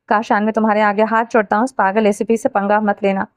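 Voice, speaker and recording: A woman's voice: mid-range voice, little pitch movement, clear, resonant tone, dry recording, close to an everyday voice. A woman reading as a scolding, frightened father. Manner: scolding, pleading. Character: angry, fearful middle-aged father, helpless.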